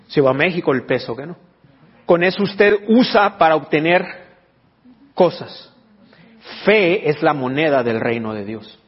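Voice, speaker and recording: A pastor with a slightly rough, mid-range voice preaches a sermon in a church hall, teaching and putting questions to his congregation. The recording sounds dull, with long reverb.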